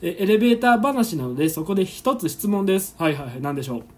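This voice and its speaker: Talking fast in a high, sing-song voice with a darkish tone, a Kansai-accented man hosts a chatty solo radio show from his phone, streaming live as he records. He reads out listener letters, laughs a lot, and acts out awkward moments, with slight noise in the background.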